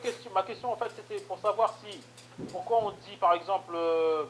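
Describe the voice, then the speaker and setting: A man's voice: high-pitched, a little fast, a bit bright, a little hiss or hum. A male student asking hesitant questions in an online class.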